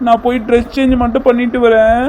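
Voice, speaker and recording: ஒருவர் கார்ட்டூனில் கணவரிடம் கவலையோடு கெஞ்சும் பக்தியான இளம் மனைவிக்குக் குரல் கொடுக்கிறார். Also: male voice, extremely high pitch, level tone, fast, a little mellow, a little hiss or hum. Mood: fretful. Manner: pleading, fretful. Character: worried devoted young wife Pushpa. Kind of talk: cartoon voice acting.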